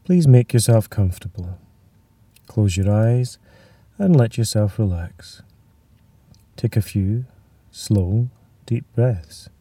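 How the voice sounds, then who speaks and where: A man leading a guided muscular relaxation, speaking in a slow, soothing way that sometimes drops to a whisper. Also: fairly low pitch, animated, warm tone, breathy edge, no room sound, far from the mic.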